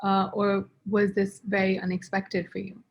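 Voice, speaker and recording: Woman, webinar host, slightly husky voice, medium pitch, polite, video call. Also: completely flat delivery, normal speed. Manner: polite, uses fillers. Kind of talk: scripted introduction and interview questions.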